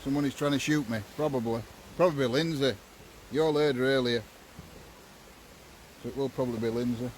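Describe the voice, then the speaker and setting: A man's voice: mid-range voice, brisk. A British man hosting a casual night-time live stream outdoors, chummily greeting viewers in an informal, repetitive way. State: tired from walking. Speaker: livestream host of night-time ghost hunt. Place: outdoors walking in woods at night. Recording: noisy outdoor night ambience.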